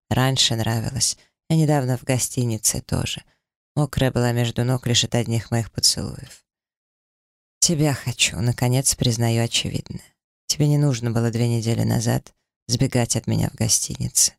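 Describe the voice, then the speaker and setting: Male audiobook narrator, gravelly and intense, dry close read. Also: mid-range voice, dry recording. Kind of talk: first-person audiobook narration.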